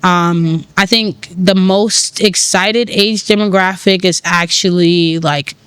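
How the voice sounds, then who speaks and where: Young woman founder, New York accent, lively and slangy, smooth dry voice. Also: fairly low pitch, slow pace, no room sound. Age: 20s. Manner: energetic, casual, uses slang and fillers. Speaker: tech founder, guest. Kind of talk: conversational interview.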